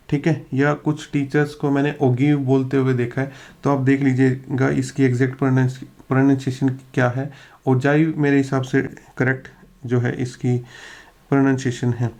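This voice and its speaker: Mellow-voiced male tutor explaining step by step. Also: medium pitch, vocal fry. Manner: poses rhetorical questions and answers them, steady explanatory pace; mixes English technical phrases into the explanation. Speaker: teacher. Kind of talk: exam-prep lecture over slides.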